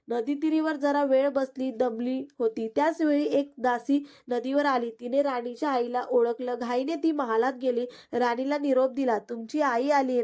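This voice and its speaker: A woman vlogger narrating a devotional folk tale in a steady, simple recital. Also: high voice. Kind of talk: storytelling narration.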